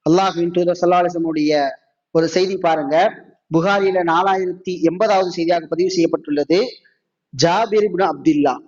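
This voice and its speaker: A man with a Tamil accent delivers a mosque sermon in a high voice. He asks the listeners question after question and draws out his quotations. The recording sounds dull and lo-fi. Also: darkish tone. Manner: rhetorical questions, slows down for Arabic quotes. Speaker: preacher.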